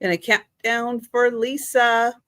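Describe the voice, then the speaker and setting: A woman's voice: a little high, little pitch movement, slow pace, fairly bright tone, no echo, clean studio sound. A woman chatting casually on a live stream, playful in her remarks.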